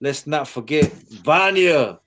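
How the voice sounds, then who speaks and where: A man's voice: on the high side, expressive, slow pace, a bit bright. A man from Samoa hosting a casual chat, telling rowdy stories loosely with swearing and laughter and reading out comments. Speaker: podcast host reading live-stream comments.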